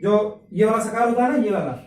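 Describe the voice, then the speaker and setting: A man with a very high voice teaches Sanskrit grammar in a classroom. He sounds out each letter and keeps quizzing his students. He is recorded from a distance in an echoey room. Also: animated, fast talker, darkish tone. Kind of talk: classroom lesson. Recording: echoey room, mic from afar.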